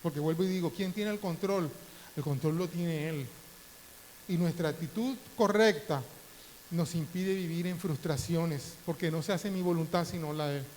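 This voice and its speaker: High-voiced preacher man in a reverberant church. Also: moderate pace, a little mellow. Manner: preaching with emotional swings, voice rising in prayer. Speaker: pastor. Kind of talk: sermon. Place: church hall. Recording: faint hiss, long church reverb.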